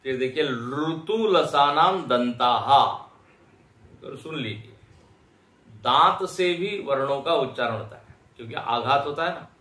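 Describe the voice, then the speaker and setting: A man teaching a lecture class, explaining slowly and patiently and sounding out syllables one by one. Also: mid-range voice, animated, sharp tone. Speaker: Vedanta teacher. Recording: echoey lecture hall.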